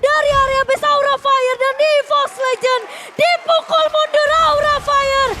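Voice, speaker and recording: A woman with an Indonesian accent shoutcasting an esports match like a fighting game announcer, with urgent hype delivery. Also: extremely high pitch, little pitch movement, unhurried, crowd noise. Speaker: esports play-by-play commentator. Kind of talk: excited game shoutcast commentary.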